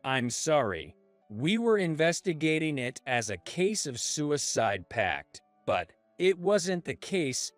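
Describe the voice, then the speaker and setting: A woman's voice: sits low, sing-song, takes it slowly, no echo, soft background music, voice pushed down, full character voice. A woman voicing a weary, reluctant male police detective in a told story. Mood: apologetic. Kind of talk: scripted narration.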